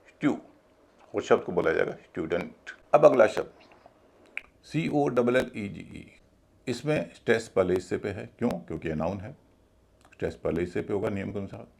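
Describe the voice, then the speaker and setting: A man's voice: lowish voice, vocal fry, darkish tone. A man teaching English pronunciation in a video class, explaining each rule step by step and spelling words out letter by letter.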